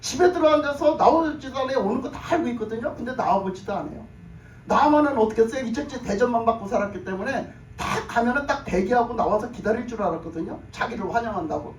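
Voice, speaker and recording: A man preaches a sermon in a very high voice, retelling a story and slipping into the lines of its characters. He repeats his phrases for emphasis. He is picked up from a distance in an echoing church room, with a faint hum of the room behind him. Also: quick pace. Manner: acts out characters' speech in the story. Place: church sanctuary. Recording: echoey room, mic at a distance.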